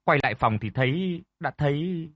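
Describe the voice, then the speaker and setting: A man's voice: on the high side, expressive, normal speed, fairly bright tone, dry recording, studio quality, pitched above the performer's own voice. A man voicing a timid, deferential young maidservant explaining herself to her mistress. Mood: flustered. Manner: deferential, flustered. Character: timid young female servant.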